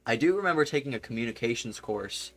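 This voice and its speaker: A man's voice: mid-range voice, animated, fast, fairly bright tone, soft background music. A young adult man streaming live, chatting casually with his audience in a rambling way and laughing often.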